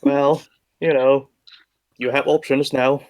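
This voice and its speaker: A man playing a tabletop game, chatting casually in character with hesitant hums and pauses. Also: mid-range voice, level tone, darkish tone.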